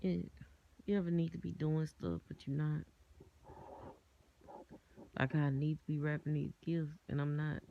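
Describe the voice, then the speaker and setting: A woman's voice: low-pitched, fairly even intonation, a little slow, vocal fry, pauses often, phone-quality sound, slight background noise. A woman chatting casually and folksily to her viewers in a home vlog. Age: adult, mother of children. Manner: folksy, addresses viewers as y'all and guys. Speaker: family vlogger. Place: at home, indoors.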